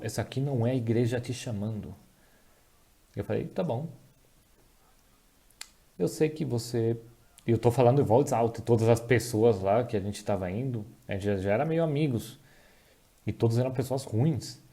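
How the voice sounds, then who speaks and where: Very dark, low-voiced man dubbing. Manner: halting, with restarts and self-corrections. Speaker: voice-over interpreter dubbing a testimony. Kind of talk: dubbed personal testimony.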